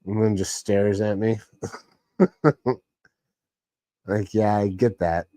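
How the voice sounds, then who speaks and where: A man's voice: lowish voice, steady tone, slow, dark tone, no room sound. Rambling man hosting a livestream. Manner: rambling, greets chat viewers by name. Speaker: livestream host. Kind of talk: casual live-chat rambling.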